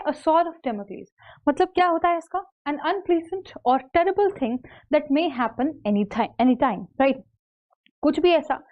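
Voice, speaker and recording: An Indian woman teaching English in an online exam-prep lecture. She explains slowly and keeps checking in with her students. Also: high voice, dull audio. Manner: explains slowly, checks in with "theek hai?" after each point.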